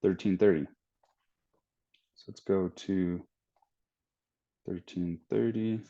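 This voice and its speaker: A man in his thirties hosts a trading channel in a low, dark voice, slow and fairly even in intonation. In a casual screen-share walkthrough he rambles, thinking aloud and restarting as he works through numbers on screen. The sound is dull and lo-fi.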